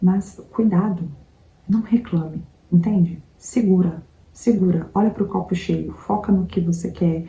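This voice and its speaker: A woman with a low, very dark and mellow voice gives a conversational motivational talk. She keeps checking in with the listener as she speaks, and the sound carries the ring of an echoey room. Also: a little slow, vocal fry, slight background noise. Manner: conversational, repeats "entende?" to the listener. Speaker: self-help video host.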